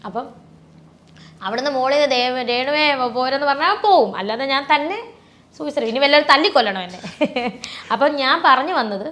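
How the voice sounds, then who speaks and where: Emotional woman guest, fairly high voice. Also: lively intonation, fairly quick, long pauses. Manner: emotional, voice often drops soft and low; rambling, many restarts and fillers. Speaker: interview guest. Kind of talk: personal interview talk.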